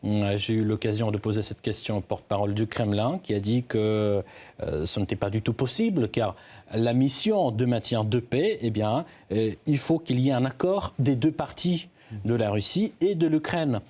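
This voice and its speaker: This man's voice is fairly low and warm as he offers live news analysis in the role of a correspondent. He speaks hesitantly, often restarting his words in a halting way.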